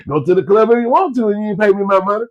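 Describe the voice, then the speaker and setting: With a high voice and lo-fi sound, a Floridian stuffed up from a cold delivers a casual motivational talk, repeating folksy business advice for his listeners.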